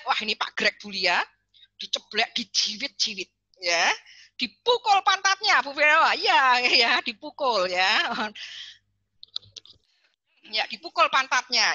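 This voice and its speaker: A woman giving an online parenting seminar, chatty and lively, calling on parents by name over a video call. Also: fairly high pitch, dry recording, dull audio. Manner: lively, chatty, addresses parents and reads chat names.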